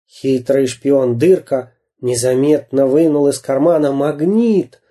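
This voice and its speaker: A narrator reading a children's adventure book aloud in a slow, dramatic way. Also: mid-range voice, warm tone. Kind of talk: storybook reading.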